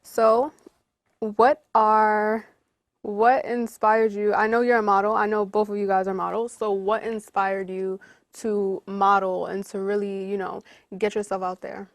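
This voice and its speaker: Woman host, encouraging interviewer, middle pitch, dry recording. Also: flat delivery, no room sound. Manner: upbeat, encouraging, quick follow-up questions. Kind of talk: casual interview.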